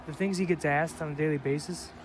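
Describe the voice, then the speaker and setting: Casting: male game commentator, Wisconsin accent, higher-than-average pitch, bantering and slangy, faint noise behind. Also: steady tone, fast talker. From Wisconsin, United States. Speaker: esports commentator. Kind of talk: casual live video game football commentary.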